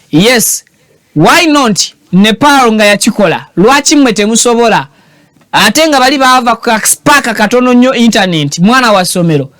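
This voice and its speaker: Hosting a show, a Ugandan man with a high, bright voice offers teasing, animated political commentary, switching languages mid-sentence. The recording is dry and close.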